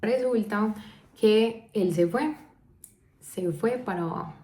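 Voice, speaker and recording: A woman with a Colombian accent telling a personal story in a casual vlog, animated and acting out the dialogue she quotes. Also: mid-range voice, takes it slowly, roomy sound. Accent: Colombian Spanish.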